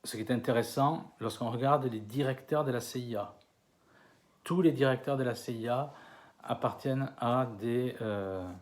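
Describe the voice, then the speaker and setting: A man from France giving a conference lecture, hesitant with many fillers and restarts, slowing down over names. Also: mid-range voice. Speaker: conference speaker. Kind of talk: lecture to an audience. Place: conference hall.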